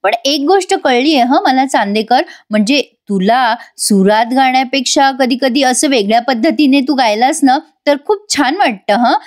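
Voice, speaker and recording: This is a playful young wife who teases her partner in a chatty way, as a woman puts her on while retelling a TV serial. The voice sits a little high. The teasing is light and never harsh. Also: animated, moderate pace, hardly any pauses.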